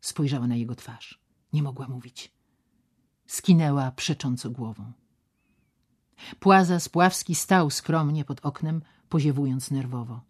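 A woman narrating a literary novel aloud in a dramatic, expressive way. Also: a bass voice, measured pace, pauses often, breathy edge. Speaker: audiobook narrator.

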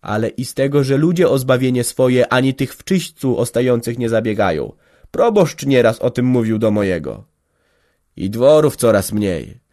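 A man's voice: mid-range voice, normal speed, close to an everyday voice. A man voicing a complaining, talkative middle-aged village organist, raising his voice as he grumbles. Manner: lively, grumbling, raised voice.

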